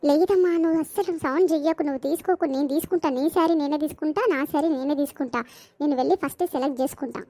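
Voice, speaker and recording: A woman's voice: high-pitched, rapid-fire, warm tone. A woman voicing a jealous, scheming young woman, with a complaining, resentful tone. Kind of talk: animated village comedy voicing.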